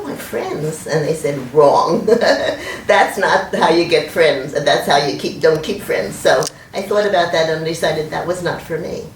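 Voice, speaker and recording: A woman's voice: lowish voice, a little hiss or hum. An older woman in a chatty way recounting her working life, correcting herself as she goes. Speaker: interviewee. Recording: echoey room, far from mic.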